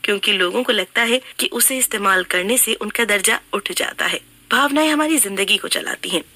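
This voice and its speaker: A woman reading a scripted book summary in an even, instructive way. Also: medium pitch, normal speed, no echo. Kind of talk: scripted narration.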